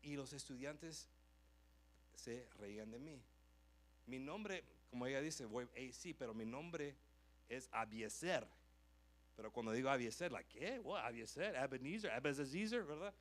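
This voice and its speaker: A man's voice: medium pitch, lively intonation, unhurried, pauses often. A man preaching a testimony in a church, telling his story with emotion and restating each line in a second language. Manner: switches between Spanish and English line by line, emotional storytelling. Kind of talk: bilingual sermon testimony. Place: church sanctuary.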